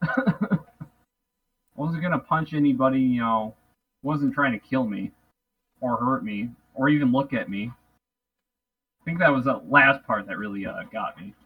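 Wry male player, husky, animated, distant muffled mic. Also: medium pitch, unhurried, long pauses. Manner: wry, joking, laughs often. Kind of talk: in-character tabletop play.

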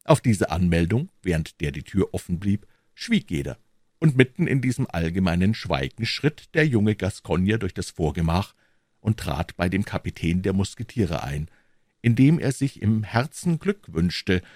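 A man narrating a classic novel as an audiobook reader in a measured, dramatic way. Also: deep voice, sing-song, a little mellow, dry recording, studio quality. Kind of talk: scripted narration.

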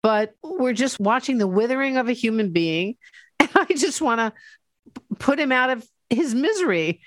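A woman's voice: a little high, expressive, moderate pace, no echo. An older woman co-hosting a casual podcast, talking frankly and laughing easily. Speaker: podcast co-host. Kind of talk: casual chat.

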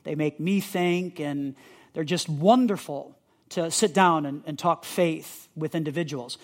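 A man's voice: a little high, measured pace. A male pastor teaching a sermon, earnest and emphatic, repeating key words for listeners to underline in their notes.

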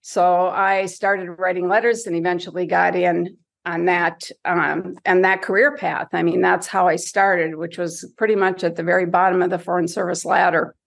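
A woman's voice: fairly low pitch, flat delivery, normal speed, vocal fry, hardly any pauses. A woman from Michigan's Upper Peninsula answering interview questions in a candid, reflective, conversational way. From Michigan's Upper Peninsula, United States. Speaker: interview guest, retired or career diplomat.

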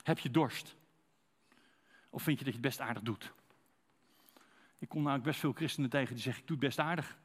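Dutch man preaching a lively sermon. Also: medium pitch, fairly quick, pauses often, slightly rough. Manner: conversational, addresses congregation directly with rhetorical questions.

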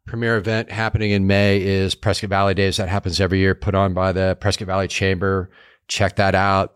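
A man's voice: sits low, clear, resonant tone, dry recording, studio quality. A middle-aged man hosting a casual local news chat show, upbeat and jokey, with frequent ums. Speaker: show host.

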